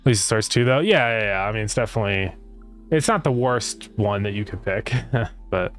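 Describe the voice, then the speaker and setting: A man's voice: lowish voice, lively intonation, a little fast. A man chatting casually as a game developer livestreamer, rambling as he thinks aloud, his speech slightly slurred by retainers. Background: music.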